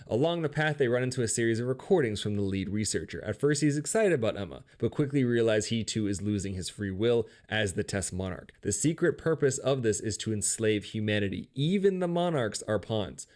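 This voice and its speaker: A man's voice: on the low side, lively intonation, brisk, hardly any pauses, darkish tone. Sarcastic, wisecracking male narrator. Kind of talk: casual comedic game story recap.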